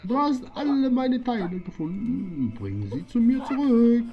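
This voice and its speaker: A man voicing a cheerful little talking creature from a video game in a high, squeaky, singsong voice. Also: very animated, measured pace, highs cut off, faint music behind, heavily acted. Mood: excited.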